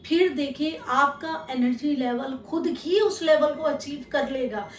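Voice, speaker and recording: A woman spiritual teacher talks calmly straight to the listener, giving steady advice. Her voice sits high. It rings in an echoey room with a faint hum behind it. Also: a little slow, distant mic. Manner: calm, advising, addresses the listener directly. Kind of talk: instructional talk to camera. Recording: echoey room, voice a little off-mic.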